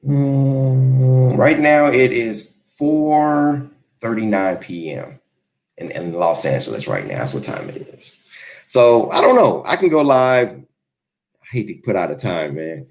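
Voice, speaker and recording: At home in Los Angeles, a laid-back man in his forties runs a YouTube livestream, reading comments and answering them on the spot. He speaks in a fairly low voice whose pitch swings up and down widely, rambling in an easygoing, friendly way.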